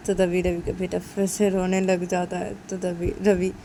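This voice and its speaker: A woman's voice: on the low side, monotone, moderate pace, dark tone, slight background noise, low-quality recording. A woman telling a story casually, chaining events with repeated linking words. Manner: repetitive, chains events with filler links.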